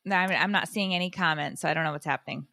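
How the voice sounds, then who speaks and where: A woman's voice: deep voice, very fast, no echo, clean studio sound. Chatty woman host telling a story. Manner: animated storytelling, acts out quotes. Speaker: podcast host. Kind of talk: casual chat.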